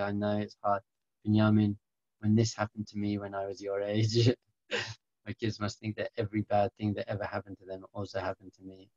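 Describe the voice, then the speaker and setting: A middle-aged man telling a story in a talk, animated and self-mocking, acting out the quotes. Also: lowish voice, no echo, dull audio. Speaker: speaker giving a talk.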